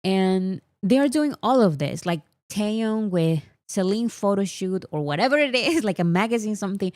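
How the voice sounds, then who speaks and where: Her medium-pitched, darkish voice is animated and moves at a moderate pace as she chats casually to camera about K-pop, a native Spanish speaker who plays mock-serious and laughs often. It's clean studio sound without echo.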